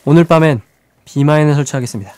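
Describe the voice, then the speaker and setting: A man's voice: on the high side, rapid-fire, darkish tone, no room sound. A man streaming a survival game with live let's-play commentary, chatting with viewers and talking to the creatures on screen.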